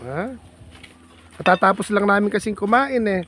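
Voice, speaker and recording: A man's voice: sits high, normal speed, fairly bright tone, a little hiss or hum. A man vlogging outdoors in farm fields, chatting with a child in a playful, teasing, coaxing way. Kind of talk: casual teasing chat with a child.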